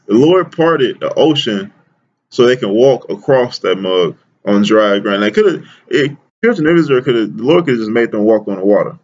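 A man reading Bible verses aloud and explaining them in a casual, slangy, excited way, often repeating words and calling the listener "man". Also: medium pitch, normal speed, highs cut off, slight background noise. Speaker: bible teacher. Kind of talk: casual scripture reading and commentary.

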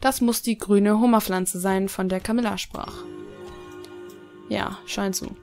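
Young woman gamer rambling as she plays, reads quest text out loud, complains at the game, faint music behind. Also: medium pitch, steady tone, unhurried, vocal fry. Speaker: Let's Play gamer. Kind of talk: casual gameplay commentary.

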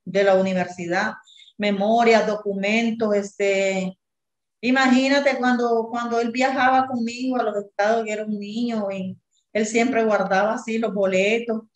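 A woman in her fifties giving an agitated, indignant eyewitness account in an interview, acting out the shouted exchanges. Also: mid-range voice, reverberant. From Nicaragua. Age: 50s. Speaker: interviewee, mother of detained student. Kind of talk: emotional eyewitness testimony.

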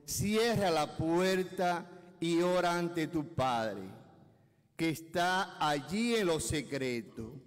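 An older man solemnly reading scripture at Mass in measured, deliberate phrases, in a church with cathedral-like echo. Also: on the high side. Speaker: clergyman proclaiming the Gospel at Mass. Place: church, at the lectern. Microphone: gooseneck lectern microphone. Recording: echoey church, long cathedral-like reverb.

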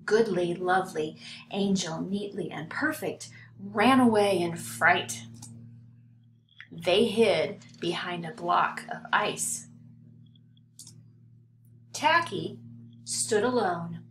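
An older woman reading a children's story aloud with measured, deliberate phrasing. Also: lowish voice. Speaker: storybook reader. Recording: roomy home recording, some hiss.

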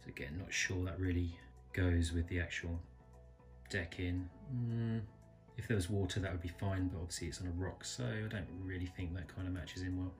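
A man calmly reviewing a small pocket knife, thinking aloud and correcting himself as he goes. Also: deep voice, moderate pace, faint music behind. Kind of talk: casual product review narration. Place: indoors at a table, filming hands close up.

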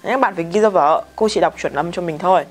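A woman English teacher with a Vietnamese accent, modelling words and example sentences slowly, then chatting quickly in asides. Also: lowish voice, soft background music. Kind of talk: vocabulary pronunciation lesson.

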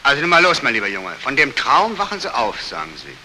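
An actor playing a brusque, condescending middle-aged army colonel, clipped and patronizing, in a 1940s film. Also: male voice, mid-range voice, huge pitch swings, fast talker, pushed and bright, heavily acted. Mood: skeptical. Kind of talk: 1940s German film acting. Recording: hissy 1940s film soundtrack.

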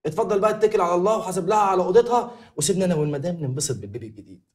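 An actor playing a pushy, mocking ex-husband in a comedy series, talking in a rapid, brash way. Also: male voice, high-pitched, expressive. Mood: taunting. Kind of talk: TV comedy drama acting.

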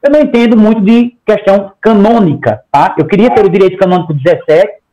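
A man in his forties, a guest on a video-call interview from his home room, speaks emphatically in long runs, gesturing a lot and repeating "tá?" often. His voice is high and fast with a dark tone. The headset audio sounds lo-fi.

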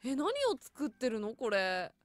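A woman's voice: fairly high pitch, expressive, a little slow, no room sound. A voice actress giving chatty, casual commentary as she tours a game world and keeps exclaiming in delight.

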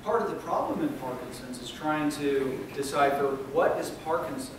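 A male university lecturer explaining to students, checking in with "okay?" and pausing on fillers. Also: a little high. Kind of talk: recorded classroom lecture. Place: lecture room. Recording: echoey room, distant mic, noisy.

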